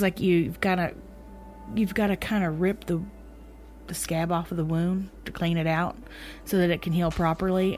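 A woman with an American accent hosting a personal podcast, talking casually and candidly in a reflective way with halting phrasing and pauses. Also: fairly low pitch. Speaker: podcast host. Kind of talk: personal solo podcast talk, casual confiding. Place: indoors in a room by a window.

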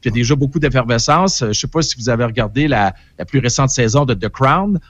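A man's voice: mid-range voice, expressive, quick pace. A man with a Québécois French accent, giving an opinionated, rambling entertainment column in casual radio chat.

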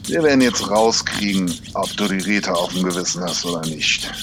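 Ein Mann spielt einen brutalen Polizeikommissar, der nüchtern und sachlich spricht und dabei kalt droht. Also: male voice, sits low, brisk, heavy background noise, close to an everyday voice. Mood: menacing. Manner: plain, matter-of-fact, coldly threatening. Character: brutal, rule-breaking male police detective.

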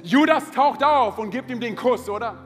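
High-voiced preaching man in a reverberant hall. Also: normal speed, fairly bright tone, faint music behind. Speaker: pastor. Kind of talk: sermon. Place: large church hall with music behind. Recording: live church hall with long reverb.

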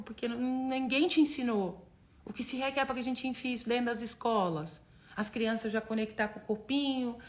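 A Brazilian woman in her thirties, a wellness coach talking casually and affectionately on a livestream, laughing often and breaking into loud cheers. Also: on the high side. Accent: Brazilian Portuguese. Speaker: wellness coach live-streaming to followers. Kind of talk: casual motivational livestream talk.

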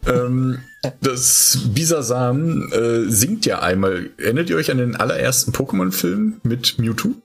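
A man's voice: medium pitch, lively intonation, a little slow, slightly rough. A man co-hosting a casual podcast chat, telling long rambling stories and explaining the show's quiz with eager energy. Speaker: podcast co-host.

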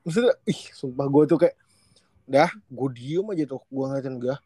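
A young man, telling an animated, slangy story on a podcast and acting out the dialogue. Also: mid-range voice, moderate pace, dry recording. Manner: animated, slangy, swears casually, acts out dialogue.

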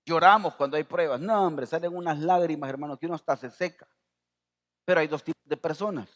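Preaching with a fairly high voice at a brisk pace, this middle-aged pastor from El Salvador speaks with a Salvadoran Spanish accent. His sermon rises almost to shouting as he addresses the congregation directly.

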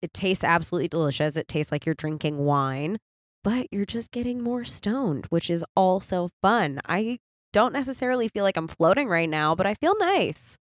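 A relaxed woman co-hosting a chatty podcast, voice a touch low. She runs through plugs easily and keeps it light. The sound is dry and close. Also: normal speed, no echo. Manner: relaxed, reads show plugs. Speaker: podcast co-host. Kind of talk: casual chat.

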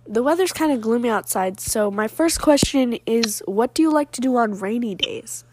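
A woman's voice: fairly high pitch, animated, normal speed, background noise. A woman asking casual interview questions at home, laughing often between them.

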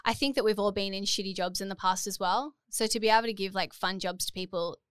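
A woman's voice: medium pitch, fairly even intonation, fast talker, clear, resonant tone, no room sound, studio quality. A woman in her thirties with an Australian accent, chatting informally and cheerfully as a podcast guest. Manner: upbeat, friendly and informal. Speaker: podcast guest and business founder. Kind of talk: casual interview chat.

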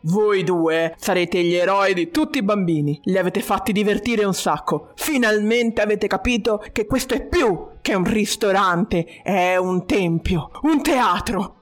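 A narrator voicing a boisterous male restaurant boss who plays a king, with loud, booming exclamations over faint music. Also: a little slow, few pauses, lightly acted. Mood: expansive.

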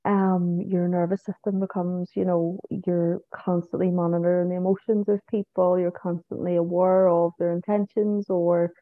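With a flat delivery and lowish voice, this Northern Irish woman speaks at normal speed with hardly any pauses, over a tinny phone-like line without echo. She's a psychic medium on a podcast, chatting casually, repeating herself, and finishing lines with "you know" and "so it is."

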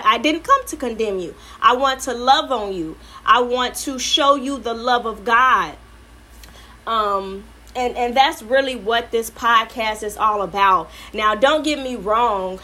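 Woman podcast host, slightly high voice, earnest faith talk, loose storytelling with many restarts. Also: pushed and bright. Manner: earnest, loving, repeats words and restarts often; conversational storytelling with quoted asides.

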